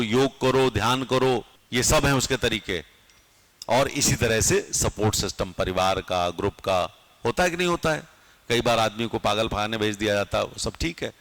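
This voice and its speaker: A male teacher giving an exam-prep lecture in a lively way, constantly asking his students rhetorical questions. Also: mid-range voice, no room sound.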